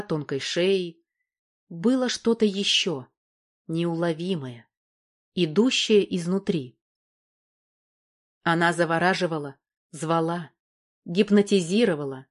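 Woman narrator, lower voice, audiobook, even, measured storytelling. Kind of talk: scripted narration.

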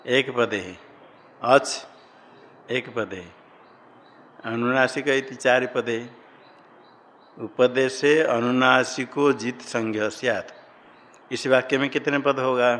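A man's voice: medium pitch, fairly bright tone. A man teaching Sanskrit grammar in a classroom lecture, asking questions and answering them himself. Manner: explains by asking and answering his own questions, has students recite. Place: classroom with students. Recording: long hall reverb.

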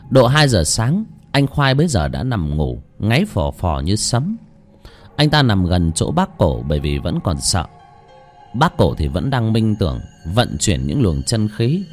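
Male horror narrator: low, dramatic, suspenseful, very expressive. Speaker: storyteller. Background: faint music.

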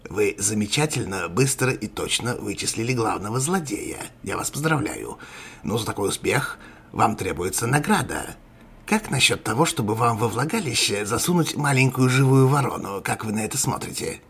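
A man puts on a crow-masked sorcerer villain for an audio story, his voice thick with gravel and grit. He speaks in a husky rasp, gloating and menacing, taking his time over every threat. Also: on the low side, expressive, normal speed, a bit bright, full character voice. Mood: gloating menace. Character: sinister male sorcerer villain in a crow mask.

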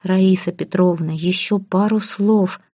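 A woman's voice: mid-range voice, fairly even intonation, measured pace, dark tone, dry recording, clean studio sound, natural voice. A woman voicing an earnest, impulsive young nobleman who speaks insistently. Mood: pleading.

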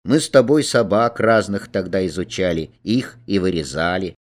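A man voicing a gentle, worried mother who asks soft, coaxing questions. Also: low voice, lively intonation, moderate pace. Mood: fond.

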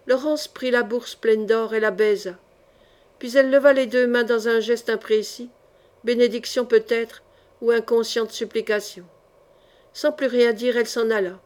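A woman with a fairly high voice reads a historical adventure novel aloud. Her storytelling is measured and steady, and she keeps an even narrator's tone throughout. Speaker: audiobook reader.

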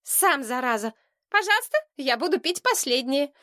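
A woman's voice: high voice, very animated, moderate pace, sharp tone, no room sound, studio quality, voice pushed up, exaggerated voice. A woman playing a feisty scolding girl. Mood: snappy. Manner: snappy, scolding. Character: feisty girl, quick-tempered and sharp-tongued.

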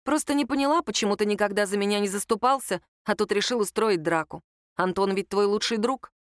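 A woman reading a story voices Lera, a bitter, defiant young woman shouting in heated outbursts. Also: medium pitch, brisk, no echo, clean studio sound, close to an everyday voice. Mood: hurt.

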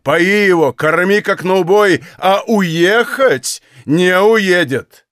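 A man voicing an irritable old male landowner who shouts in slow, heavy bursts, in a dry recording. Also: fairly low pitch, big pitch swings, breathy edge, dry recording, voice pushed down, exaggerated voice. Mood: furious shouting.

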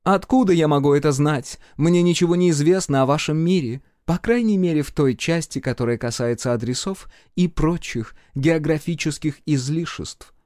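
A man's voice: fairly high pitch, normal speed, hardly any pauses, darkish tone, no room sound, clean studio sound, pitched above the performer's own voice, natural voice. A male audiobook reader voicing a haughty female goddess of dreams who speaks with contempt and sarcasm. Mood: scornful. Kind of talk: audiobook character voice.

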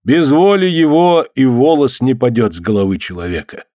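A man's voice: medium pitch, moderate pace, dark tone, no room sound, studio quality, lightly acted. A man playing a sly old village priest who offers pious comfort in an oily, sermonizing way.

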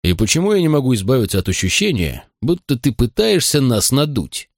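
A man's voice: medium pitch, very animated, a little fast, no echo, clean studio sound, voice pushed up. A man doing a grumbling suspicious deputy. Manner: grumbling, threatening.

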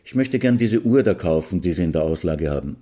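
A man's voice: sits low, animated, fairly quick, dark tone. A man voicing a polite male traveler who asks puzzled questions.

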